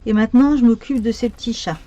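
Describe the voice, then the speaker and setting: A woman's voice: a little high, fast, dark tone, dull audio. A woman talking her way through a card-making tutorial, chatty and thinking aloud with many fillers as she works. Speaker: craft tutorial host. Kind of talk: crafting tutorial narration.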